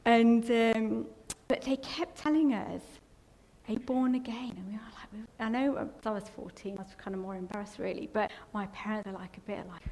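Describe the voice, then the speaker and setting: A woman's voice: mid-range voice, normal speed, darkish tone. A middle-aged English woman giving a personal testimony in a church, telling a rambling, emotional story that at times chokes with tears. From England. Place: church hall. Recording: long hall reverb, faint background noise.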